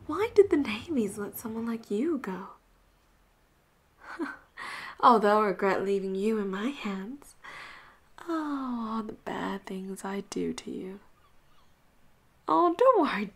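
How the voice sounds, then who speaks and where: In a roleplay audio drama, a woman voices a flirty, possessive pirate captain. Her mid-range voice is breathy, often dropping to a whisper, and she throws in teasing endearments. She starts out awed, then turns teasing and naughty.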